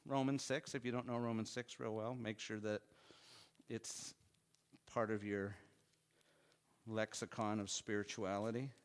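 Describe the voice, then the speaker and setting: Earnest low-voiced male preacher. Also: level tone, unhurried, long pauses. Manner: earnest, rising to emphatic then dropping soft and low. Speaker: pastor. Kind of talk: sermon.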